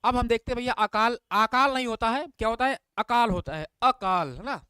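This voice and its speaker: A man with a very high-pitched, sharp yet smooth voice talks a little fast, with no echo. In his online exam-prep class he reads spelling questions and options aloud, keeps questioning with "what is it?", praises viewers by name, and refers to them as bhaiya.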